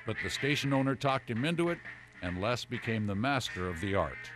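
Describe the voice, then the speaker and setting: A man, a television news reporter, narrating a sports history feature with lively, vivid storytelling. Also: mid-range voice, a little fast, loud music behind the voice.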